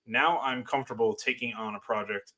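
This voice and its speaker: A man's voice: medium pitch, fairly even intonation, fairly quick, bright, forceful tone. A man hosting a podcast, chatting casually with his wife and teasing her with dry jokes. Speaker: podcast host, woodworker. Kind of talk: casual chat.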